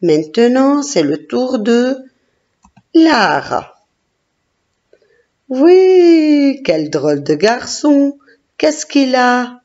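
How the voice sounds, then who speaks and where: Slow, encouraging woman teacher. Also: fairly high pitch, big pitch swings, darkish tone. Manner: slow, encouraging, sounding out syllables. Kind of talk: classroom phonics lesson. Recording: dull lo-fi recording.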